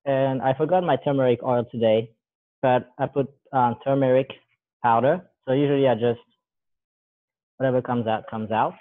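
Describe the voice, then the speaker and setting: In a large, bare indoor room with a counter, a guest in his thirties casually demonstrates a recipe. His mid-range voice moves at normal speed, relaxed and rambling, and he corrects himself as his hands stay busy. The recording has a thin, phone-call quality.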